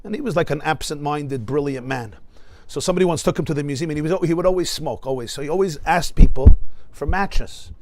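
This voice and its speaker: A middle-aged American rabbi gives an animated class, his voice sitting high for a man. He laughs often and throws questions to his listeners. The sound is dry and close, with no room echo. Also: brisk. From United States. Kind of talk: lively spoken class. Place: synagogue study hall.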